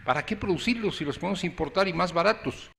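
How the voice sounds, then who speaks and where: A man's voice: high-pitched, expressive, fast, vocal fry, a bit bright, slight background noise. A man giving an interview answer in an emphatic way, posing rhetorical questions.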